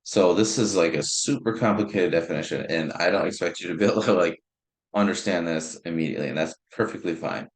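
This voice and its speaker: Young male instructor, very low voice, relaxed lecture delivery with restarts, roomy sound. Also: fast. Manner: informal, restarts words, thinks aloud with fillers. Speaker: math instructor. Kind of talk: recorded lecture. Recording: roomy echo.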